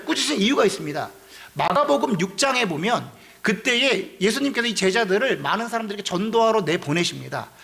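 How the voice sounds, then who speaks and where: A male pastor delivers a sermon in a conversational, explanatory manner. His voice is high and lively in pitch. It carries a gravelly texture throughout. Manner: conversational, explanatory, asks rhetorical questions.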